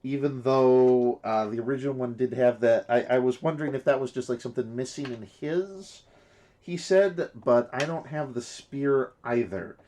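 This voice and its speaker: A man's voice: mid-range voice, moderate pace, dark tone. A man in casual unboxing chat, explaining details at length with frequent fillers. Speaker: co-host.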